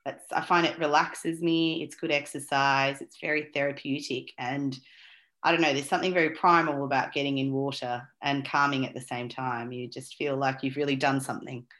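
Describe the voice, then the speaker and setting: A woman's voice: a bass voice, fairly even intonation, moderate pace, a bit bright. A woman, an interview guest who talks casually with many fillers and restarts. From Australia. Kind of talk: conversational interview.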